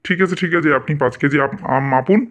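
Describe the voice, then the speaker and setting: A man's voice: on the high side, fast, a bit bright, lightly acted. A man voicing a village father who haggles impatiently over the price of mangoes. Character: stingy bargaining village father.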